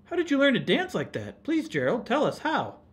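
A man voicing a crowd of excitable storybook jungle animals, loud and exclaiming. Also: extremely high pitch, a little fast, breathy edge, voice pushed up, heavily acted. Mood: amazed. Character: mocking crowd of jungle animals, later amazed.

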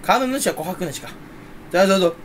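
A man's voice: high-pitched, expressive, quick pace, slight background noise. A young man rambling playfully in a solo casual chat, mocking himself as he goes. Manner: mock Kansai dialect in quoted bits. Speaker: streamer.

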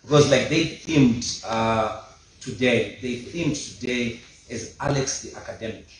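A man moderating a memorial lecture, speaking haltingly with many fillers at a podium. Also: medium pitch, far from the mic. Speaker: event moderator. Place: large lecture hall with audience. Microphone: podium microphone. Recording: echoey hall, slightly off-mic, faint noise.

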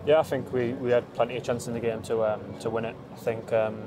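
A young man in his twenties answers post-match questions as a footballer, hesitant and full of restarts. He talks fast with a flat, even pitch. The sound is a handheld phone recording in empty stadium stands, with clear noise behind him. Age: 20s. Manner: hesitant, many ums and restarts. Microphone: handheld phone held up close.

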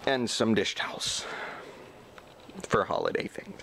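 A man's voice: on the low side, wildly swooping pitch, slow pace, creaky, fairly bright tone, slight background noise. A man in his thirties chatting and joking into a handheld camera in a cluttered living room at home. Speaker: family vlogger. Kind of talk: casual home vlog.

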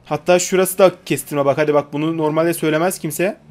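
A man's voice: on the high side, fairly even intonation, fast, a little mellow, a little hiss or hum. A young man giving casual, joking gameplay commentary, chatting to the characters on screen and swearing lightly. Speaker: gaming YouTuber.

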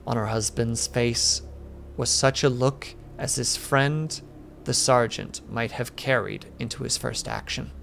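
A man streamer reading a classic horror story aloud in steady narration with small slips. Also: mid-range voice, measured pace, creaky, soft background music.

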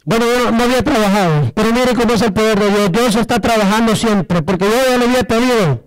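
High-voiced man telling a church testimony. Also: fast, no echo, poor audio. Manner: storytelling, acts out dialogue, asks the audience rhetorical questions. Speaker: church member giving a testimony.

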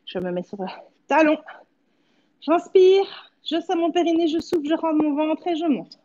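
A woman's voice: high voice, expressive, normal speed, dark tone, muffled recording. A woman in her thirties leading a home workout as a fitness coach, giving short encouraging cues and counting repetitions while she exercises. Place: living-room home studio, indoors.

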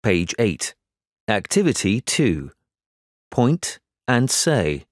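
A man reading page and activity numbers for a textbook audio, slow and clear. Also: lowish voice, very animated, no echo, studio quality.

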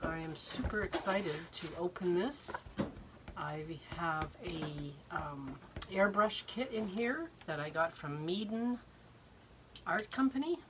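Slow, low-voiced older woman with a cold. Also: expressive. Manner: halting, unhurried, thinking aloud. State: slightly hoarse from a cold. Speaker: art vlogger unboxing supplies. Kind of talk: casual unboxing commentary. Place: indoor home art studio, wood-beamed. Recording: noisy room, clicks and rustling.

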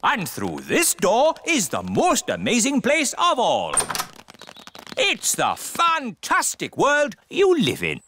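A man's voice: very high voice, wildly swooping pitch, slow pace, sharp tone, slight background noise, exaggerated voice. A British man voicing an offhand cartoon rabbit who gives museum tours in a casual patter. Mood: offhand touring. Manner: offhand, dismissive tour-guide patter.

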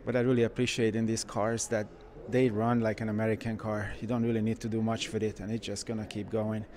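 A man who runs a car shop, walking through a car museum and giving casual, enthusiastic commentary with frequent pauses. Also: on the low side, little pitch movement, a little mellow. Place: indoor car museum halls.

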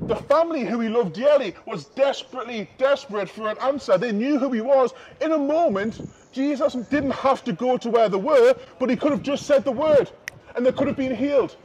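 High-voiced street preacher. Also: male voice, dull audio, a little hiss or hum. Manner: emphatic, repeats key phrases, shifts between loud and hushed. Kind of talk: open-air street preaching. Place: outdoors on a city street.

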